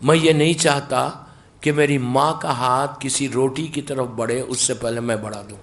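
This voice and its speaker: A male preacher with a Mumbai Urdu accent, delivering a sermon and mixing in English, at times rising to loud, emphatic outbursts. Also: medium pitch, fairly even intonation.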